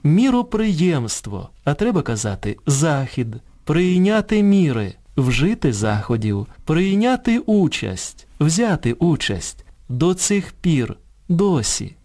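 A man presenting a scripted educational radio programme. He reads in a measured way, contrasting correct and incorrect forms one by one. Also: a little high, sing-song, darkish tone. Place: radio studio.

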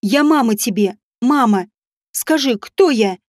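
A woman voicing a distraught, defiant empress in an audiobook, swinging between pleading and shouting. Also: fairly high pitch, animated, measured pace, dry recording, clean studio sound. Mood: tearful.

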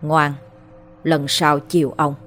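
A woman voicing a coarse, domineering old rich landlord in a spoken horror story, giving orders in a gruff, slurred voice. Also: low voice, flat delivery, slow pace, a bit bright, faint music behind.

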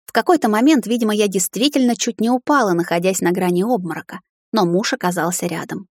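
A woman narrating a fantasy audiobook in the first person, in a middle-pitched voice. The reading is steady and dramatic. The sound is dry and close, with no room in it. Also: fast talker, no room sound.

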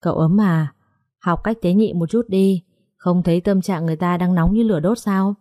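A woman's voice: fairly low pitch, moderate pace, dark tone, no room sound, studio quality, natural voice. A woman voicing a blunt, exasperated young male surgeon in an audiobook story.

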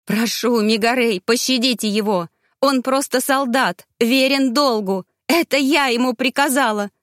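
Woman doing a young noble girl, high and loud, stubborn and desperate, storybook reading, dry sound. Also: a little slow, dry recording. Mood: pleading. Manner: shrill, pleading cries.

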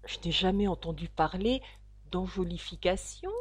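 A woman voicing a polite, curious young girl in a storybook reading, earnest and questioning, with lively pitch. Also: normal speed.

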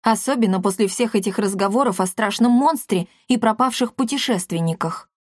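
A woman's voice: mid-range voice, fairly quick, no room sound, clean studio sound, close to an everyday voice. A woman voicing a skeptical young male companion who questions things. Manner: doubtful, questioning.

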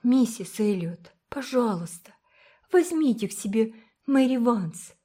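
A woman voicing a timid little girl who pleads earnestly in a high, gentle voice. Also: expressive, unhurried. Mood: pleading.

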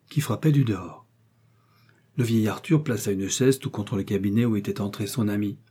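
A man reading a classic novel aloud in steady, measured scripted narration. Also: on the low side, slightly rough. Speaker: audiobook reader.

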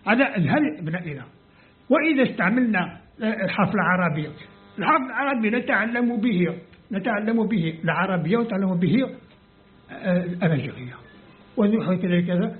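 A man with a high-pitched, breathy-edged voice delivers an explanatory lecture in Arabic. He's from Algeria, has an Algerian accent, grew up speaking Kabyle, and sounds out letters and words step by step as a scholar would. The audio is tinny and lo-fi, phone-like.

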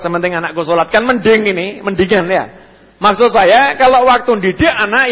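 This lively preacher is a young Javanese man answering questions in a religious lecture at a mosque hall study session. Whenever he quotes someone, he performs them with abrupt jumps in pitch and volume. The hall radio recording comes across dull and echoey.

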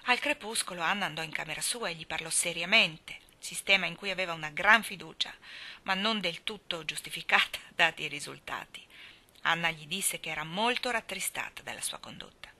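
A woman reading a novel aloud as a storyteller, with an expressive delivery. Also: lowish voice, brisk. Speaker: reader.

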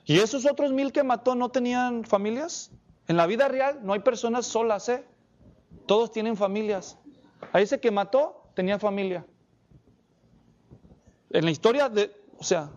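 Animated high-voiced preacher. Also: male voice, moderate pace, long pauses, dull audio. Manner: animated, asks the congregation many questions. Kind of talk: sermon.

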